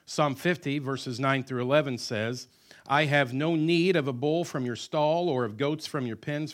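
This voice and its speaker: A pastor preaching a sermon in a church, folksy and joking, with call-and-response to the congregation. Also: male voice, medium pitch. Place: church sanctuary.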